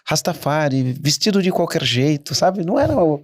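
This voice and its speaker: A middle-aged man, a guest entrepreneur telling stories in a casual interview, animated and quick to restart his sentences. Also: fairly high pitch, no room sound, studio quality. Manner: animated, anecdotal, frequent restarts.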